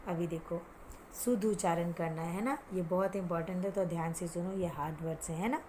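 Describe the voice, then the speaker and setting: Lady teacher going over hard words with kids, asks then answers herself, says them slow and careful, bit of noise behind. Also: on the low side, mellow. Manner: mixes English words into Hindi, asks and answers her own questions; calls pupils "beta", has them repeat words after her. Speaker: school Hindi teacher. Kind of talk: explaining vocabulary to children.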